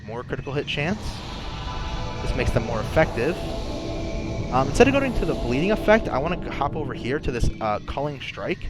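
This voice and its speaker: Over loud music, a young gaming channel host comments casually on his gameplay in a mid-range, sing-song voice at a fairly quick pace. He has a sore throat, thinks out loud, and frequently starts his sentences over.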